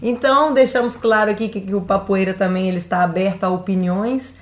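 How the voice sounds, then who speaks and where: A woman's voice: medium pitch, fairly even intonation, fairly quick, roomy sound. A Brazilian woman co-hosting a casual podcast, chatting and thinking aloud with frequent restarts. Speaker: podcast co-host.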